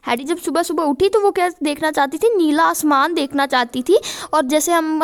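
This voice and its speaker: High-voiced woman teacher explaining a chapter. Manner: mixes Hindi and English, reads questions aloud slowly then explains.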